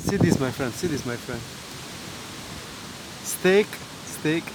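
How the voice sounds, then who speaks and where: A man who is not a native English speaker gives casual walking-tour commentary in halting, repetitive, simple broken English, as a travel vlogger. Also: on the high side, animated. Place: outdoors, walking in a city park. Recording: loud wind and outdoor noise.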